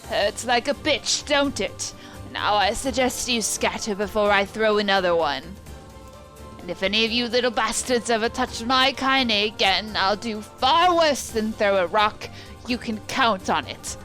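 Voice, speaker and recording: A woman voicing a fierce, protective old village grandmother who speaks slowly and gruffly. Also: mid-range voice, expressive, fairly bright tone, faint music behind. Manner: slow, gruff, rough-spoken.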